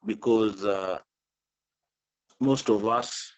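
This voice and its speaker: A man from Kenya, speaking haltingly on an online panel while his video call audio glitches and breaks up. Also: on the low side. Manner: halting, many fillers and restarts. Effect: choppy, glitchy audio breaking up over a video call.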